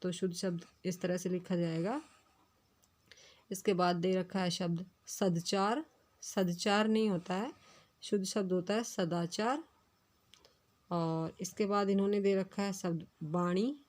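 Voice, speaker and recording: A woman teacher giving a recorded class lesson, going slowly and carefully through spelling words. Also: lowish voice, steady tone, darkish tone. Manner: slow, careful dictation of words. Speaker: school teacher.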